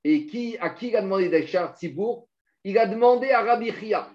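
A man leads a Talmud study lesson, his voice sitting somewhat high for a man. He explains with lively energy and drops quoted Hebrew and Aramaic phrases into his talk. The sound is muffled and lo-fi. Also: moderate pace. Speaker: Talmud teacher. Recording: muffled lo-fi recording.

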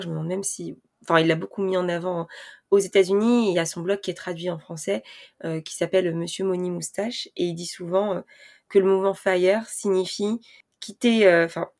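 Chatty young woman hosting a podcast. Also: medium pitch. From France. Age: 20s. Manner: chatty, frequent hesitations and restarts. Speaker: podcast host. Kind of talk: casual podcast monologue.

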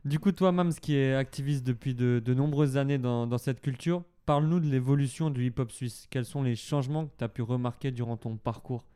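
A man's voice: mid-range voice, brisk, few pauses, warm tone, clean tone. A man hosting a podcast interview, friendly and encouraging. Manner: friendly, encouraging with short backchannels. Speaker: podcast host.

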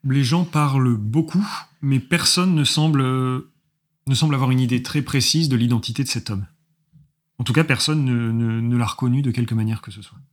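A man narrating as game master of a tabletop role-playing game, often pausing with fillers. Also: mid-range voice. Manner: hesitant narration with frequent fillers.

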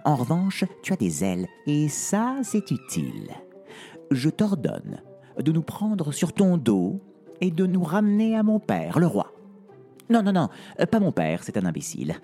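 A man voicing a spoiled, bossy young princess in a storybook tale, snapping and shouting insults at everyone. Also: on the high side, huge pitch swings, measured pace, soft background music, voice pushed up, exaggerated voice. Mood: imperious.

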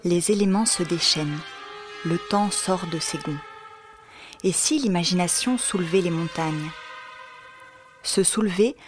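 A woman narrator reading a poetic scripted text in a measured, lyrical way. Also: lowish voice. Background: music.

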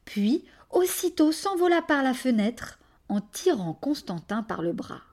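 A woman narrating a bedtime story expressively, with hushed, whispered passages. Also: high voice, sing-song, unhurried.

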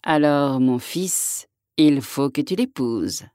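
A woman's voice: extremely low pitch, lively intonation, mellow, clear, resonant tone, no room sound, studio quality, exaggerated voice. Woman reading a grave old storybook king. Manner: grave, measured. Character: old king, grave father of three sons.

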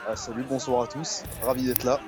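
A man's voice: medium pitch, level tone, brisk, darkish tone, soft background music. A man, a guest football specialist on a casual podcast, rambling and repeating words. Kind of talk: casual sports podcast chat.

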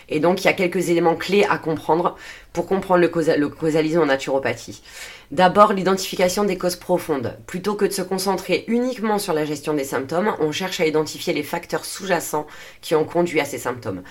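Low-voiced French woman explaining calmly. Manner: earnest, steady delivery with frequent "euh" fillers and self-corrections. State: dry throat. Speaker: podcast host and naturopathy coach. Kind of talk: solo podcast explainer, partly read.

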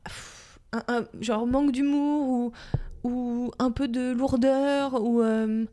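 A woman from Paris with a Parisian accent, a podcast guest chatting casually and laughing often. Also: fairly high pitch. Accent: Parisian French. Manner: quick, animated, laughing often. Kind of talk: casual chat.

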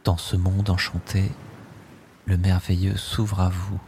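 A man narrating a guided sleep meditation, speaking softly and repeating words in a slow, hypnotic way. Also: deep voice. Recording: steady ocean wave noise behind. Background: ocean waves.

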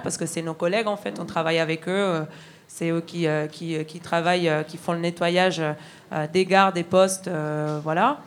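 Railway worker lady from argentina, lowish voice, lots of ums, faint hiss behind. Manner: many fillers and restarts, earnest. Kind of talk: hesitant spoken testimony.

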